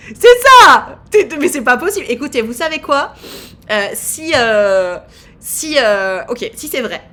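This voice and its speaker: A woman's voice: fairly high pitch, a bit bright. A woman in her thirties hosting a live stream, chatting casually in a teasing way with lots of fillers. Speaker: streamer host.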